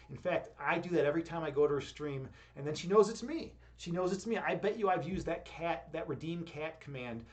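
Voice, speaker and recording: A young man hosting a relaxed live stream, reading chat aloud and rambling with lots of fillers and easy chuckles. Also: on the high side. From Chicago. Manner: rambling, many "like" and "you know" fillers, chuckling. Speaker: streamer host.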